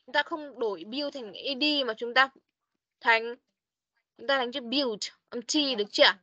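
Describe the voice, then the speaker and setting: Bright high-voiced woman teaching English. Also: no room sound. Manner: quick, switches between coaching and correcting. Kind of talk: online English lesson. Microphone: video call. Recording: dull online meeting audio.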